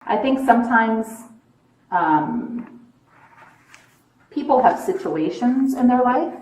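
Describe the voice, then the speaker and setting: A woman police officer questioning a suspect in a measured, persistent, probing way. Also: on the high side, expressive, darkish tone. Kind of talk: interrogation, calm questioning. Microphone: police bodycam. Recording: echoey, distant body camera audio with noise.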